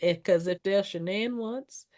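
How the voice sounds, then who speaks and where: A woman co-hosting a podcast in casual chat, with lively, emphatic reactions. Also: mid-range voice, measured pace. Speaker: podcast co-host.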